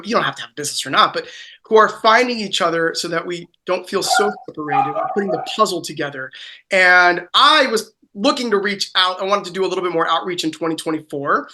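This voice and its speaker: A woman's voice: fairly low pitch, fast talker, noisy background. A woman hosting a spiritual podcast interview, talking in a rambling way with many fillers and restarts. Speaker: podcast host. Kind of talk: casual interview.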